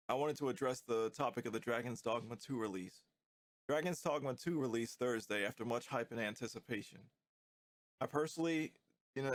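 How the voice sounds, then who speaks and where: A man with a stuffy, nasal voice from a cold, giving relaxed, slightly critical commentary on a video game. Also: mid-range voice, no echo. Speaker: gaming YouTuber.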